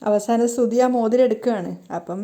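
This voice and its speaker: A woman's voice: on the high side, fairly quick, dark tone. A woman retelling a TV serial episode as a casual spoken story, with running narration and quoted dialogue.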